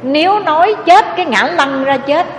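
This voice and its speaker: A woman's voice: high voice, expressive, moderate pace, a little hiss or hum. A Buddhist nun, preaching a sermon with emotive storytelling and often addressing her listeners directly. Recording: echoey hall, dull lo-fi sound.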